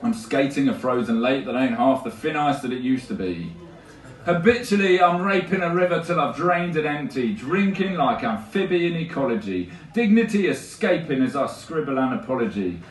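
A man's voice: medium pitch, animated, normal speed. A man in his thirties performing spoken word poetry on a small stage, with a rhythmic, tongue-twisting rhyming delivery. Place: small stage with colored lights. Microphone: stand mic, filmed by a far camera. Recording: echoey room from far off.

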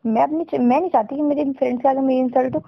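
A woman playing a pushy young girlfriend with a gravelly edge. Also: sits high, fairly even intonation, no room sound. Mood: insistent. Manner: pushy, insistent, quick-talking. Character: insistent young girlfriend, stubborn and demanding. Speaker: girlfriend on a phone call. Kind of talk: scripted phone-call drama. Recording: dull, dry lo-fi recording.

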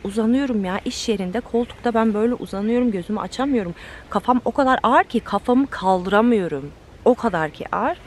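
A woman's voice: on the high side, brisk, slight background noise. A young woman vlogger telling her own story candidly to camera, with many fillers and restarts.

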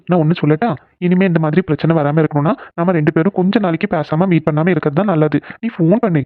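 A man's voice: on the high side, no echo, close to an everyday voice. A man voicing a consoling cartoon boyfriend on the phone. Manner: soothing and pleading. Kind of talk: cartoon voice acting. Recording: phone-like narrow sound.

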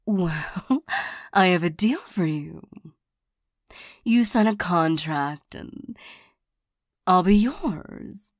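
A woman voicing a flirtatious, lonely female demon in an ASMR role-play, soft and partly soft-spoken, coaxing and teasing, easily irritated. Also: lowish voice, lively intonation, drawn-out words, long pauses, dry recording, clean studio sound, full character voice. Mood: coaxing, seductive. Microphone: close microphone.

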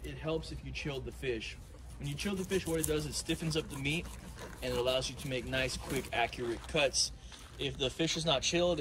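A man hosting an outdoor fishing vlog, talking casually and rambling with fillers. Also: medium pitch. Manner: laid-back, rambling with fillers. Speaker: vlog host. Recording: outdoor noise in the background.

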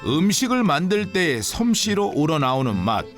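A man's voice: on the high side, very animated, moderate pace, music in the background. A man with a Jeolla accent narrating a documentary in a chatty, exclamatory way. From Jeolla, Korea.

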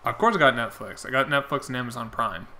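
A young man streaming a baseball game talks fast in a bright, forceful medium-pitched voice. He rambles and responds to chat casually, though his voice is wearing thin and fading.

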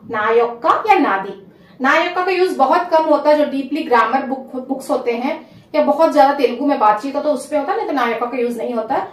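A woman teaching a spoken language lesson, saying each phrase slowly and repeating it so learners can take notes. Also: high-pitched. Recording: echoey room, a bit far from the mic.

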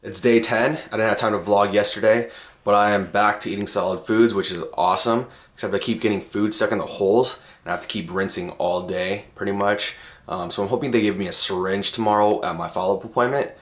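A man's voice: fairly low pitch, steady tone, a little fast, a bit bright. Young man vlogging after wisdom teeth removal. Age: 20s. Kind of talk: casual video diary. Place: parked car, driveway and bedroom. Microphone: handheld camera at arm's length.

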